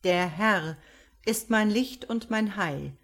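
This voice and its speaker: A woman voicing a solemn male pastor at a funeral, speaking slowly and sonorously. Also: mid-range voice. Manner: slow sonorous sermon delivery. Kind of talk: audiobook character voice.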